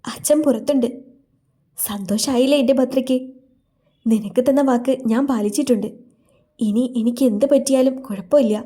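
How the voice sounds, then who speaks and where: A tender young hero from a storybook romance talks gently and fondly, with a light teasing edge, voiced by a woman narrator. The voice is mellow and warm and sits a little higher than her plain narration. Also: normal speed, long pauses, natural voice.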